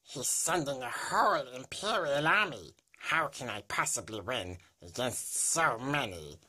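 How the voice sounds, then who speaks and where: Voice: mid-range voice, expressive, measured pace, pushed and bright, slight background noise. A voice actor playing a small alien creature who is facing an army, sounding mock-worried. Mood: anxious.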